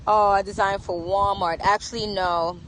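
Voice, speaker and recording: A woman's voice: mid-range voice, fairly even intonation, moderate pace, a bit bright, slight background noise, rough recording. Brash, profane woman ranting on a phone stream. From Jamaica. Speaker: livestreamer. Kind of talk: casual livestream rant. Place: outdoors in rainy weather. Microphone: phone livestream.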